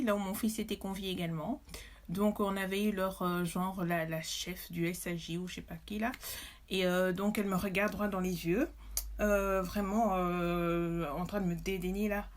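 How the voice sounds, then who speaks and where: Speaking to camera, a mother from Belgium testifies about her experience with emotion and indignation, hesitating many times. Her mid-range voice holds a steady tone at a normal speed.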